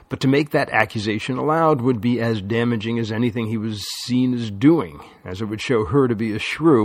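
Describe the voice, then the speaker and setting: A man narrating an audiobook with measured storytelling. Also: lowish voice, vocal fry, husky, dry recording. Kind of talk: scripted narration.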